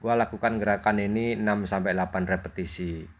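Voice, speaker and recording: Low-voiced gym bro guy. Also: fairly even intonation, a little fast, a little hiss or hum. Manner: gym-bro talk, constantly addressing the listener as bro. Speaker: fitness content creator. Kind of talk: casual gym vlog voice-over.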